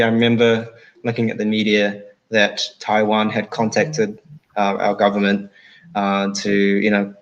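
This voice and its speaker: A low-pitched man speaks as a guest at an online talk. He thinks aloud, rambling and pausing on fillers as he goes. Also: lo-fi sound. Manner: thoughtful, rambling, many fillers.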